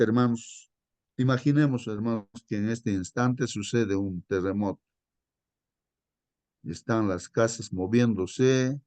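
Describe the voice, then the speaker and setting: A man leading a Bible study for his congregation in a conversational way, repeatedly addressing them as brothers and reading verses slowly and deliberately. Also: medium pitch, darkish tone, no echo. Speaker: Sabbath school lesson leader.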